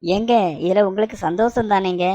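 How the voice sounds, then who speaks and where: A woman's voice: medium pitch, steady tone, normal speed, dark tone, no echo, highs cut off, lightly acted. Woman voicing a sugary young wife. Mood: wheedling. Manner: wheedling, sugary. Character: sweet-talking young wife. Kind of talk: cartoon voice acting.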